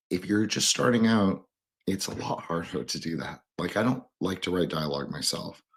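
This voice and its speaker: A male podcast host with a low, husky voice talks in a loose, halting, digressive way during a casual, rambling conversation.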